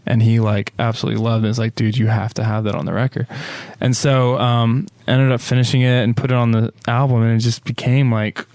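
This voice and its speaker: A man's voice: medium pitch, little pitch movement, fairly quick, few pauses, a little mellow, dry recording. A man, a musician interviewed on a podcast, talking thoughtfully about his work with many fillers and restarts. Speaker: musician guest. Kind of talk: casual interview chat.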